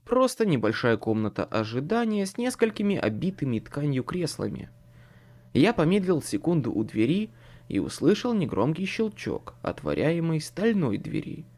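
A man reads a noir audiobook in the first person, with dry, wry asides. His voice sits fairly high and moves a lot. His reading is lively throughout. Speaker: audiobook narrator.

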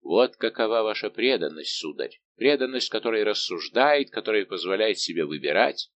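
Male reader voicing a haughty young king: imperious, indignant, low-pitched audiobook read. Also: lively intonation, normal speed, a bit bright, dull audio. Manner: commanding, indignant questioning. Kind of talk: audiobook reading.

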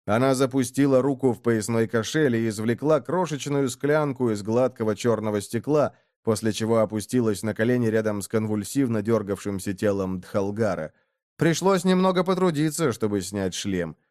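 A male audiobook narrator reads a scripted story in a steady, even manner with a mid-range voice at normal speed. The studio sound is clean, with no room sound.

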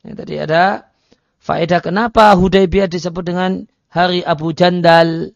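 A man's voice: sits high, steady tone, moderate pace, creaky, dry recording. A man giving a religious study lecture, reading Arabic lines and explaining them, with frequent hesitation fillers. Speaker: Islamic religious teacher. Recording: dry, dull lo-fi recording.

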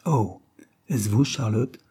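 A man's voice: on the low side, takes it slowly, dark tone, slightly rough, full character voice. A man voicing a pleading young working-class suitor in a storybook reading, speaking in a coaxing way.

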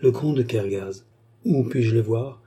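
A troubled young man murmurs hesitantly, read by a man. The voice is dark and mellow, with a slight huskiness. It has the plain feel of an audiobook character. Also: mid-range voice, unhurried, husky.

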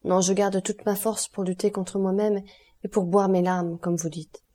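A woman's voice: mid-range voice, flat delivery, moderate pace, warm tone, lightly acted. A woman voicing a dutiful, anguished young noblewoman in an audiobook, speaking in a pleading, distressed way. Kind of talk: audiobook character reading.

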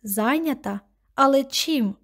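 A woman reading an audiobook, voicing a quick-tempered teenage girl who pleads and then turns sharp and demanding. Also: high voice, expressive, pitched above the performer's own voice, heavily acted. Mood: outraged.

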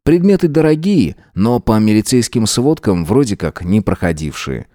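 A man reading a novel aloud as narrator, in an expressive style. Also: fairly low pitch, moderate pace, dry recording, studio quality. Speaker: audiobook narrator. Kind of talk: scripted narration.

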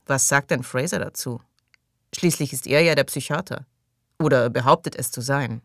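A woman's voice: rumbling low, moderate pace, no echo, clean studio sound. A woman voicing a flustered, newly arrived man in an audiobook, speaking in a hesitant, bewildered way. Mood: puzzled. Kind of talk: audiobook reading.

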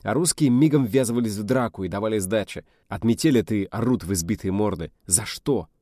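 Deep-voiced man narrating a novel. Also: no room sound, clean studio sound. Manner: steady, measured storytelling. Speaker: audiobook reader. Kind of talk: scripted narration.

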